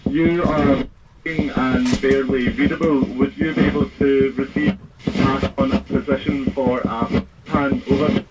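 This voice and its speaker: A man's voice comes through a marine VHF radio, muffled and thick with hiss. He speaks slowly, in careful radio procedure, spelling out a distress position one piece at a time. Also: mid-range voice, steady tone. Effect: marine VHF radio transmission. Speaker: radio operator on another vessel.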